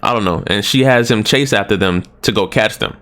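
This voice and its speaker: A man's voice: fairly low pitch, fairly quick, a bit bright. A man giving a casual, joking movie review, exclaiming and ranting as he goes.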